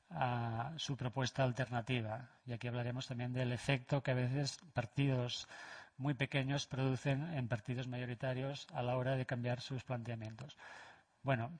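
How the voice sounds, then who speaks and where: Male lecturer, mid pitch, measured delivery with many pauses and filler sounds. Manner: measured, with frequent hesitations. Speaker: lecturer presenting a paper. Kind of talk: academic presentation.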